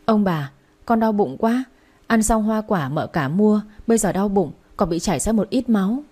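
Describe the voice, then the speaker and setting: A woman's voice: medium pitch, animated, moderate pace, mellow, breathy edge. A woman voicing a tearful, pleading young pregnant servant who whines and begs. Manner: whiny and pleading. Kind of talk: storybook character voice.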